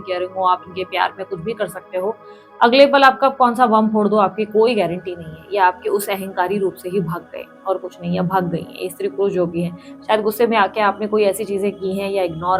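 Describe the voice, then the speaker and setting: A woman tarot reader who speaks straight to the viewer, repeats her points for emphasis and calls on the universe between cards. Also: mid-range voice. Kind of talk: tarot reading to camera.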